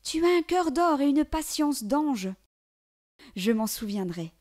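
A woman doing a high, grateful spider. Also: sing-song, a little slow, darkish tone.

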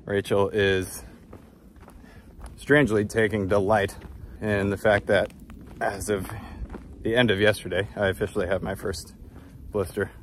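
On a countryside footpath, a travel vlogger in his thirties reflects aloud in a casual walking chat, recorded on a phone at arm's length. His fairly low voice is flat and measured, broken by long pauses, with slight background noise.

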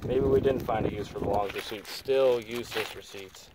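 A young man hosting a casual outdoor cooking demonstration beside a highway, explaining things in an easygoing, joking way. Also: fairly even intonation, moderate pace. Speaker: vlog host. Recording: noisy outdoor phone recording.

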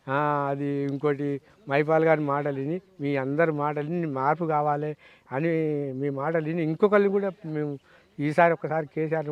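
A man's voice: a little high, clean tone. A man, a farmer with a Telangana Telugu accent, angrily scolds someone and fires off rhetorical questions. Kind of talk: angry rant to camera. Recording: dull dry lo-fi sound.

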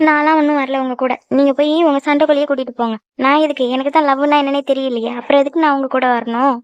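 Woman doing a high quick-talking jealous girlfriend in a cartoon, sulky and snappy, dry close sound. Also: fairly even intonation, no room sound, muffled recording, natural voice. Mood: sulky, scolding. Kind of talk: cartoon voice acting.

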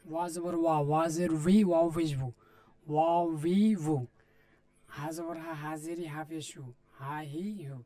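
A man teaches Quran reading by patiently spelling out Arabic letters and vowel marks, letter by letter, with a Bangladeshi Bengali accent. His dark voice sits on the high side, with fairly even intonation and a moderate pace. He repeats himself and addresses viewers.

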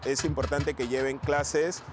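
A middle-aged man from Peru, a dance teacher calmly explaining in an interview. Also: medium pitch, moderate pace. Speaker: Afro-Peruvian zapateo teacher. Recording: music playing underneath.

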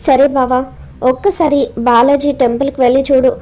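A woman's voice: high-pitched, flat delivery, brisk, dark tone. A woman voicing a scheming woman who coaxes her brother-in-law against a rival.

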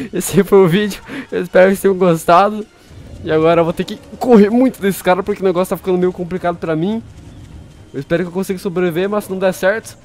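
A young Brazilian man giving casual gameplay commentary, playful, laughing often and breaking into shrill panicked yelps. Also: darkish tone. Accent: Brazilian Portuguese. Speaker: gaming YouTuber.

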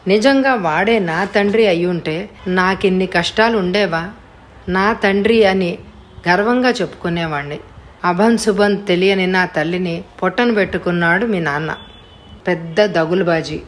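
A woman's voice: on the low side, moderate pace, close to an everyday voice. A woman reading an audiobook voices a cruel, vengeful man who speaks harshly and mockingly. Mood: bitter. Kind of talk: audiobook character voice.

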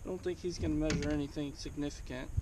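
Male, thirties, relaxed fishing vlogger on an action cam outdoors, clear background noise. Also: on the high side, fast talker. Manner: relaxed, thinking aloud with fillers. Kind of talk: casual fishing vlog narration. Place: outdoors on a kayak on a river. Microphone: action camera mounted on the kayak.

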